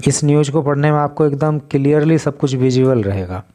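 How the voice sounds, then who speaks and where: An Indian man with a fairly high, warm voice teaches English vocabulary in Hindi. He goes through newspaper words one at a time, explaining each slowly and patiently.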